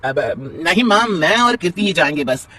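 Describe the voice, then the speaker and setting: A man's voice: high-pitched, expressive, moderate pace, bright, forceful tone, heavily acted. A man voicing a mild young husband who gives in easily. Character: pliant young husband, the favoured son.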